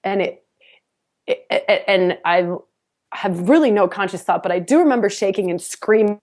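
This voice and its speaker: A woman guest on a podcast, telling a personal story in a casual, animated way, often laughing and restarting her sentences. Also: mid-range voice, moderate pace.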